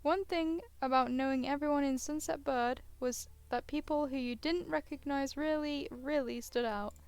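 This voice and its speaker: Tired and yawning, a female streamer reads through a visual novel, her narration broken by hesitant, self-interrupting asides. She has a high, slightly mellow voice with fairly even intonation and a moderate pace; there's no echo, and soft music plays in the background.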